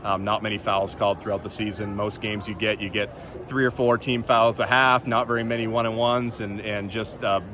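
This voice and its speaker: A man's voice: on the low side, little pitch movement, fairly quick, noisy background. A man speaking as a basketball coach in a casual, earnest postgame interview.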